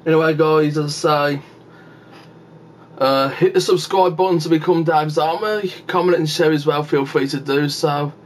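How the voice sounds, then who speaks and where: Chewing sour candy while holding the camera, a man vlogs in a rambling, chatty way, repeatedly addressing viewers as "guys." His voice is a little high with fairly even intonation at normal speed, and there's slight background noise.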